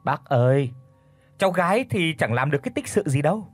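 A man voicing a brash young scheming secretary in a spoken story, stammering at times, with a husky voice. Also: fairly high pitch, expressive, a little fast, dry recording, soft background music. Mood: cheeky. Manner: stammering, then cheeky.

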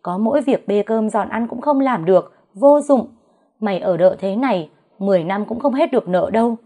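A woman voicing a stern older mistress of the house who scolds a servant with shouted insults. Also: on the low side, normal speed, phone-quality sound, natural voice. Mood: furious scolding.

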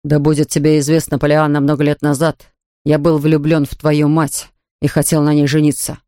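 A woman voicing a stern, brooding older gentleman in an audiobook reading, speaking slowly and mockingly. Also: low-pitched, completely flat delivery, dry recording, clean studio sound, pitched below the performer's own voice, lightly acted.

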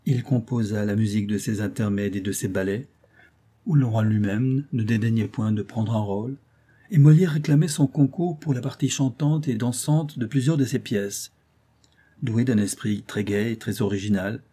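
A man narrating a children's storybook in a measured way. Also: mid-range voice, mellow, slightly rough. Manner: measured, addresses young readers. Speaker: audiobook reader.

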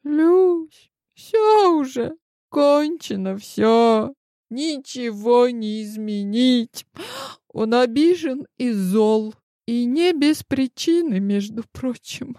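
A woman reading an audiobook voices a heartbroken young heroine in raised, high-pitched outbursts. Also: animated, drawn-out words, warm tone, dry recording, studio quality, exaggerated voice. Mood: resigned.

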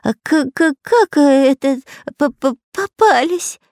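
A woman's voice: fairly high pitch, very animated, moderate pace, dry recording, studio quality, voice pushed up. A woman voicing a cowardly, long-nosed male spy in an audiobook, who stutters and whimpers with fear. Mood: panicked. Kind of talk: audiobook character voice.

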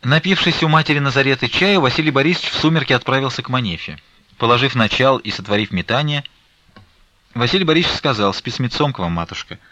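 A man narrating a classic literary audiobook in a measured storytelling manner. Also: mid-range voice, pushed and bright, no room sound. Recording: dull lo-fi dry recording.

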